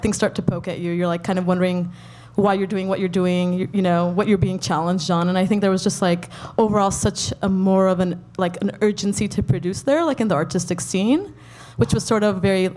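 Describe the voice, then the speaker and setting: A woman's voice: fairly low pitch, steady tone, a little fast, a little mellow. A young woman in casual conversation, speaking hesitantly with many "like"s and "um"s. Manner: hesitant, lots of "like" and "um". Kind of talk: casual chat.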